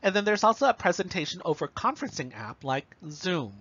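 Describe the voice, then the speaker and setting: This lecture comes from a man whose voice sits slightly high, and it has a sing-song, brisk delivery, a bit of brightness and a breathy edge. He explains every point plainly, peppering in "okay" and "right," and the audio is somewhat muffled and lo-fi.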